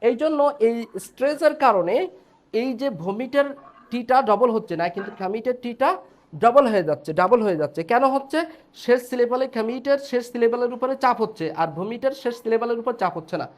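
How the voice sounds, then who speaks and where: A man's voice: very high-pitched, animated, a little fast. Man teaching online. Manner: explains step by step, checks in with students. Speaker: English teacher. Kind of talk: online class lecture.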